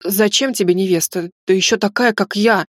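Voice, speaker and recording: A woman voicing a sharp-tongued young female student who talks in a pert, indignant way. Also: mid-range voice, normal speed, no room sound, clean studio sound, lightly acted. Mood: cheeky indignant.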